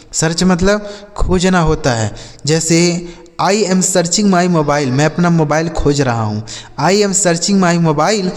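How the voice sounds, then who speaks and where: Slow-talking male English teacher. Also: on the high side. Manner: spells words letter by letter, repeats example sentences slowly. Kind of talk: slow spelling and vocabulary lesson. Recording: long hall reverb.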